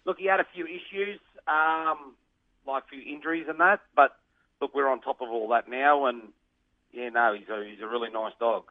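An Australian man talks casually in an interview, with the plain, colloquial manner of a tradesman. His voice sits at an ordinary male pitch. It comes through a narrow, muffled phone connection with no room echo. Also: steady tone, moderate pace. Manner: laid-back Aussie tradesman way of talking, plain and colloquial. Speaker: greyhound trainer, interview guest.

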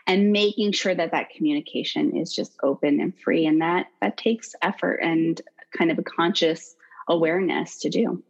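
A woman's voice: on the low side, moderate pace, vocal fry, highs cut off. A woman as a podcast guest, explaining things animatedly and acting out quoted voices. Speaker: podcast guest, consent educator. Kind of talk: podcast interview.

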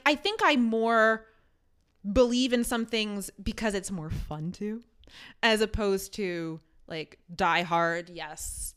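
A woman's voice: on the high side, fairly bright tone, smooth. A woman from Queens, New York, chatting casually as a podcast co-host with wry, playfully opinionated banter. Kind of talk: casual chat.

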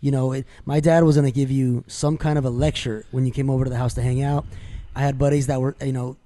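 A podcast co-host in casual chat, telling family stories with frequent swearing and laughter. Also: male voice, medium pitch, flat delivery, fast, dark tone. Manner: laughing storyteller, swears freely.

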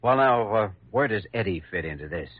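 An actor with an American accent playing a calm, protective young hospital doctor, measured and earnest, in an old-time radio drama. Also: male voice, fairly low pitch. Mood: polite, composed. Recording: muffled vintage radio recording.

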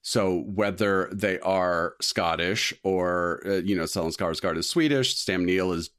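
A man with a low, deep voice talks through a film in an easygoing podcast chat. He rambles, circles back and restarts his sentences, leaning on fillers as he works out each point. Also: measured pace, fairly bright tone, smooth. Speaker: podcast co-host. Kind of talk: casual film discussion.

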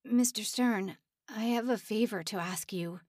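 A woman's voice: medium pitch, measured pace, darkish tone, dry recording, clean studio sound, close to an everyday voice. A woman voicing an exhausted, frail young man speaking earnestly in an audiobook. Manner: strained, earnest.

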